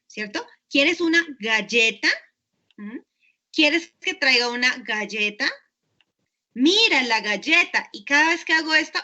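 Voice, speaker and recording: A woman teaches an online university class in a bright, sharp voice. She explains step by step and keeps checking in with her students. The audio sounds muffled and lo-fi. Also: sits high. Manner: frequent checking tags, patient explaining. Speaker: university lecturer.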